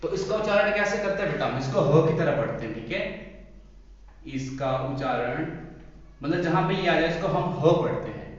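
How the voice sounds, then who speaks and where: A male teacher giving a classroom grammar lesson, calling students "beta", checking "theek hai?" after each point and dictating slowly for notes. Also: a little high, expressive. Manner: dictates slowly, word by word, for note-taking. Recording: echoey, distant, dull room recording.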